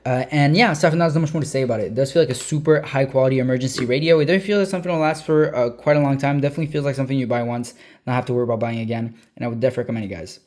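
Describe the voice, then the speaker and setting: As a video host, a man gives a casual hands-on product review, explaining things informally and often pausing with a hesitant "uh." His voice is medium-pitched and a little mellow.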